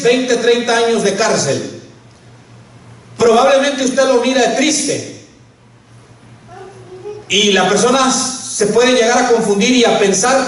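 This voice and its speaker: A man preaching a sermon as a pastor, who keeps addressing the congregation as brother. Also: high-pitched. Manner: preaching, keeps calling listeners "hermano". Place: church. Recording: echoey church hall, voice from far off.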